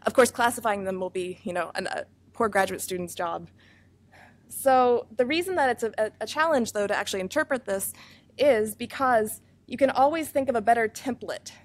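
A woman scientist giving a conference research talk, explaining fast and earnestly, with many fillers and self-corrections, over a microphone in a room with speakers. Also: fairly high pitch. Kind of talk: academic conference presentation. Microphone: microphone feeding room speakers.

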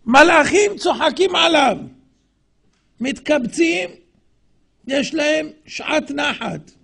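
A man giving a religious lecture as a rabbi, fiery and mocking, firing rhetorical questions and swinging between loud outbursts and low murmurs. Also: animated, gravelly.

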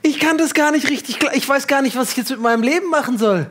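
A man chatting animatedly about a game he just won, talking in quick, excited bursts. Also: extremely high pitch. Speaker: gamer and show regular. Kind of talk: excited live gaming chat.

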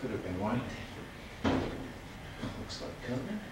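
A man's voice: medium pitch, very animated, slow pace. Man narrating a hissy old camcorder tape. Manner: wry, teasing, keeps saying groovy. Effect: old camcorder audio. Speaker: man filming his own birthday home video. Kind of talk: casual running commentary to camera. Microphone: built-in camcorder mic. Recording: hissy, echoey old camcorder audio from a distance.

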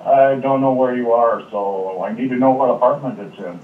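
Gruff older man on a tinny phone. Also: medium pitch, moderate pace, far from the mic. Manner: gruff, blunt, folksy. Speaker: maintenance worker. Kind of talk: phone conversation. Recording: tinny phone line, roomy noisy playback.

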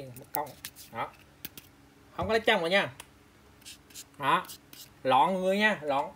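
Casting: man from Vietnam, slightly high voice, chatty seller talking to viewers, faint room noise behind. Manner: chatty, repeats prices and specs, calls out to viewers. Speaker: online seller of used eyeglasses. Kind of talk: casual product showcase.

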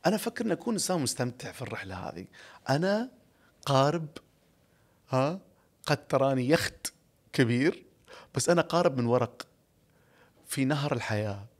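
A man in his forties from Ras Al Khaimah, UAE, with an Emirati Arabic accent, is a podcast guest telling stories in a casual interview. He's animated and reflective, gestures a lot and laughs often, speaking at medium pitch, fairly quickly, with long pauses. He's recorded close up on a studio boom mic.

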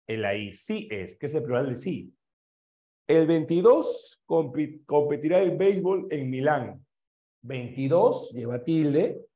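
Slow-talking Peruvian teacher, echoey room. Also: male voice, on the high side, warm tone. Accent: Peruvian Spanish. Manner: checks answers item by item, asks students questions. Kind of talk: online exam review class.

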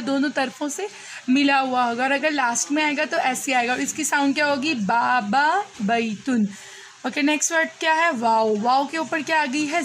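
High-voiced woman teaching letters patiently. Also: fairly bright tone, a little hiss or hum. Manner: slow, patient, spells out letters and asks questions. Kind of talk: children's Quran reading lesson.

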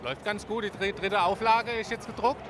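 A man's voice: high-pitched, fairly even intonation, brisk, over music. A man in his thirties giving casual interview answers into a handheld microphone. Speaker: author, interview guest. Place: busy festival beer tent. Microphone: handheld reporter microphone held to him. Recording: noisy busy tent behind the voice.

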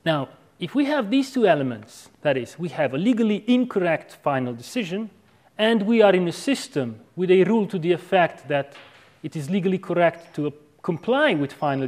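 A man with a fairly high voice lectures on an academic argument. He sounds measured and didactic, setting out each step and checking in briefly as he goes. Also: darkish tone. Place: university lecture room with chalkboard. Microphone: clip-on lapel microphone.

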